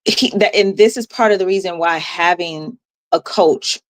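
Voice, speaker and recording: A woman health coach as a podcast guest, explaining in a calm, measured way with pauses. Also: on the low side. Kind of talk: podcast interview.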